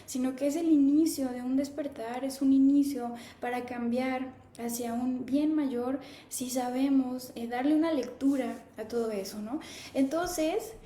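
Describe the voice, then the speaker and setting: A woman in her thirties hosts a live stream, chatting casually and reading viewer comments aloud in a warm, conversational way. Her voice is high, and the room sounds echoey.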